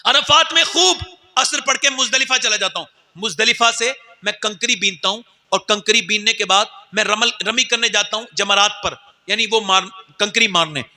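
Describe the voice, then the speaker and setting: A man's voice: high voice, normal speed, pushed and bright, in a large hall. A man voicing a young drunkard son who confesses how he wronged his mother. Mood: recounting.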